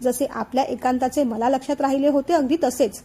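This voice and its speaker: A woman voicing an older mother-in-law who reasons gently with her husband in a family audiobook story, in a high, mellow voice. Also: fairly even intonation, fairly quick. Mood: gently persuading.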